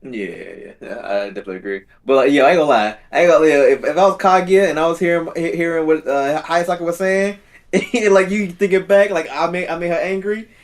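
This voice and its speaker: A man's voice: a little high, quick pace. Laid-back, giggly man co-hosting a podcast. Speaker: podcast co-host. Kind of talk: casual chat on a livestream podcast.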